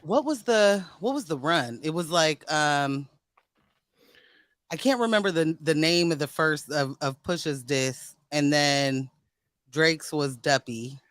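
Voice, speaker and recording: A man co-hosting a podcast in casual chat, animated and laughing, heavy on slang. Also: fairly high pitch, slow, dry recording, studio quality. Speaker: podcast co-host.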